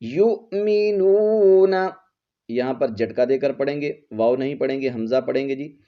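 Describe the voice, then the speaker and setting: This slow recitation lesson comes from a man whose medium-pitched voice is fairly quick with fairly even intonation. He teaches the Quran by patiently spelling out each letter and vowel before joining them into the word, on slightly dull lo-fi audio.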